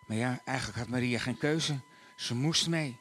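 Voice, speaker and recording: A man telling a story to listeners in an animated way, acting out the characters. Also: mid-range voice, normal speed. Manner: animated, acts out the voices.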